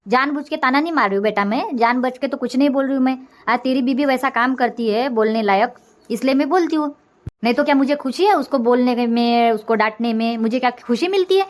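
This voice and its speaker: A woman's voice: high voice, fairly quick, close to an everyday voice. A woman voicing a nagging cartoon mother-in-law. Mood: scolding. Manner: scolding, complaining. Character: nagging middle-aged village mother-in-law.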